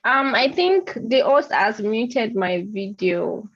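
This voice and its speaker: A woman's voice: on the high side, expressive, slow, lo-fi sound. A woman replying politely and deferentially on a video call, addressing the host as sir. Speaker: webinar participant.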